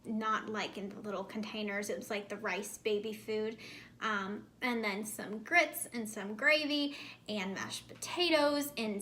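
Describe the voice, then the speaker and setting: There's slight background noise as a young adult American vlogger chats casually to camera about preparing for pregnancy, hammering her advice home through repetition. Her high-leaning, slightly bright voice is a little impeded by a swollen mouth.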